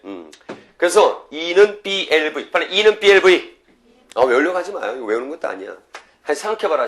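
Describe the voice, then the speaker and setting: A man's voice: on the high side, fairly bright tone. A male physics lecturer teaching a class, who asks questions, answers them himself and gets students to chant formulas aloud.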